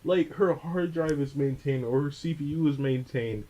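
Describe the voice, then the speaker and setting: A man's voice: fairly high pitch, moderate pace, warm tone, dull audio. A young man co-hosting a casual podcast movie discussion, exasperated, swearing and leaning on "like" as he retells scenes. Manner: exasperated, swearing, filler 'like'. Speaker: podcast co-host.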